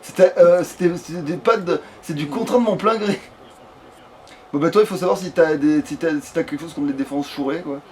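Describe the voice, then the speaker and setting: A let's play gamer with a somewhat high voice talks a little fast, muttering hesitantly to himself and sometimes swearing during casual commentary. Steady background noise runs through the recording.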